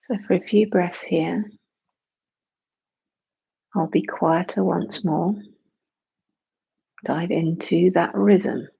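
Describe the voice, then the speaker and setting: A meditation and breathwork teacher giving hushed, unhurried guided instruction with long pauses, in a creaky, breathy voice. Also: mid-range voice, fairly even intonation, lo-fi sound.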